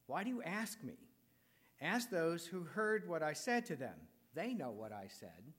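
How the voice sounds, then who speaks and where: A man reading the part of Jesus, calm and grown, in a church scripture reading with a measured, plain voice. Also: fairly high pitch, breathy edge, exaggerated voice. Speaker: scripture reader.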